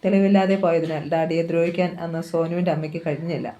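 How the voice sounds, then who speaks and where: A steady, measured reader narrating a novel aloud. The voice is mellow and dark, sitting at a middle pitch. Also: dull audio.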